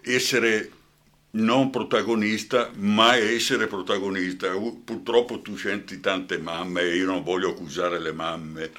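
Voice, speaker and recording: A man's voice: on the low side, flat delivery, unhurried, a bit bright. An older man with a Brescian accent, an actor guest in a radio interview, talking passionately and often asking "hai capito?".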